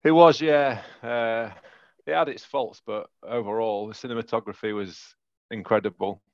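A man's voice: lowish voice, fairly even intonation, moderate pace, dry recording, lo-fi sound. A man with a Yorkshire accent chatting casually as a podcast co-host, rambling through his picks with many fillers and bursts of laughter. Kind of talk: casual chat.

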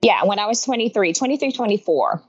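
A woman's voice: medium pitch, very animated, fast, husky, muffled recording. A woman in her thirties from Honduras, a guest artist in a casual interview, talking openly about her life and often laughing. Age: 30s. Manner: open, laughs easily, talks frankly about loss.

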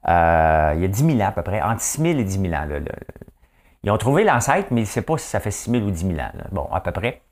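Brief: low-voiced Quebec French man hosting a rambling trivia show, very lively pitch, chatty. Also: fast talker. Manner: chatty, keeps tossing in "hein?"; slips into English phrases. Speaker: host.

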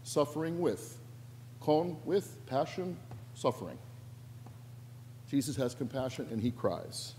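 A man preaching a sermon as pastor, telling stories with animated quoted voices and touches of humor. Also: on the high side, a little hiss or hum. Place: church sanctuary. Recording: long reverb of a church sanctuary.

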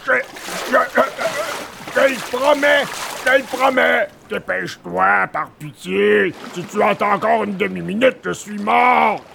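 Alidor, a gravelly drowning dog. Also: male voice, high-pitched, takes it slowly, bright, forceful tone, slight background noise, pitched above the performer's own voice, exaggerated voice. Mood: panicked pleading. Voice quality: gravelly, strained. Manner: stammering, pleading cries. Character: panicked drowning male dog, pleading and grateful.

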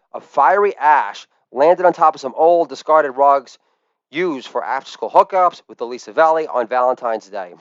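Man, 40s, comedian, comic storytelling, loud, shouted catchphrases, high pitch, dry close sound. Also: no room sound, highs cut off.

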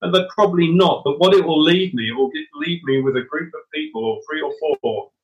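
A man's voice: fairly high pitch, fairly quick, highs cut off. Earnest middle-aged man, podcast guest. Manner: earnest, reflective, repeats words when starting thoughts. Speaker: podcast guest, former special forces soldier. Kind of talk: casual interview chat.

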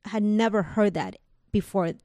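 A woman's voice: medium pitch, moderate pace, dark tone, no room sound. A woman telling a personal story in conversation, retelling what people said through quoted dialogue, with casual fillers.

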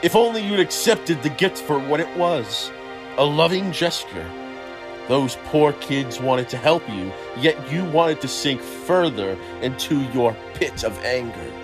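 A man's voice: fairly high pitch, expressive, a little slow, music in the background, pitched below the performer's own voice. A man voicing a solemn spirit who scolds reproachfully. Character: grave, reproachful male spirit.

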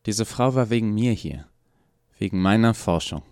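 A man's voice: fairly low pitch, animated, normal speed, darkish tone, clear, resonant tone, no echo, clean studio sound, pitched above the performer's own voice. A man playing an awkward, evasive male research doctor who hesitates with many ums.

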